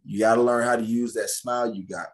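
A man's voice: medium pitch, fairly even intonation, quick pace. A man in a casual podcast conversation, speaking animatedly, often restarting and repeating phrases as he gives advice.

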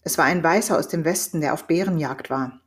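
Storybook role: a proud, hot-blooded hunter father, read by a woman, earnest and determined, lowish voice. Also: fairly quick, close to an everyday voice. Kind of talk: audiobook reading.

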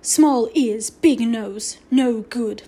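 A woman's voice: a little high, steady tone, slow pace, darkish tone. A woman voicing a stern, terse warrior man who speaks in short, blunt phrases. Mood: angry.

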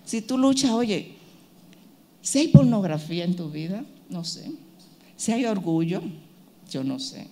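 A woman's voice: medium pitch, animated, unhurried, long pauses, dark tone. Woman preaching an emphatic sermon. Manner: emphatic, repeats phrases, acts out quoted voices.

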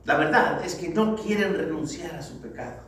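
A man preaching a sermon to the congregation, calling them brothers, swinging from loud exhortation to low, grave tones. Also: expressive, normal speed. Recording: very echoey hall, distant mic, faint noise.

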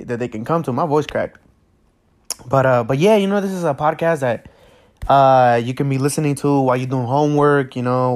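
A teenage boy from Mexico hosts his own podcast for the first time. He rambles nervously, restarts his sentences and leans on fillers. He is recorded without a proper microphone. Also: medium pitch. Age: teens. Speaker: podcast host. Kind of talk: casual solo podcast intro. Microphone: no proper mic.

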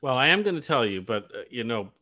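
Bright-voiced enthusiastic Canadian man. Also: mid-range voice, very animated, fast. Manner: enthusiastic, rambling, with many fillers. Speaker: guest DJ. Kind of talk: casual radio conversation.

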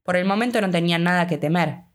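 Female audiobook narrator, Rioplatense accent, measured delivery, low-ish voice. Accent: Rioplatense Spanish. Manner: steady, measured reading. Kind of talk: scripted narration.

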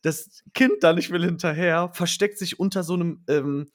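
Young man, lively storyteller, dry close sound. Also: a little high, moderate pace, dry recording. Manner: slangy, animated storytelling with acted quotes. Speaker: storyteller in a chat. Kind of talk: casual chat.

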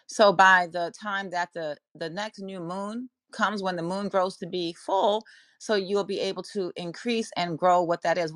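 Bright-voiced woman in casual astrology talk. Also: lowish voice, no room sound. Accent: Jamaican traces. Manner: rambling, self-interrupting, conversational. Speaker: astrology podcast host. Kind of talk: casual spoken talk to listeners.

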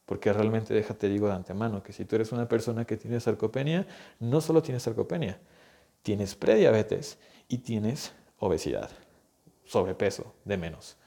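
Young man, physical therapist type, earnest and urgent, speaking straight to the viewer, warm low-key timbre. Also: expressive, normal speed, creaky. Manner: earnest, urgent, addresses listener directly. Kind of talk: direct-to-camera health advice.

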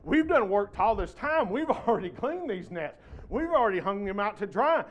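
A man's voice: sits high, sing-song, muffled recording. A man preacher voicing an exasperated, condescending grown fisherman who complains at length. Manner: indignant, drawn-out complaining.

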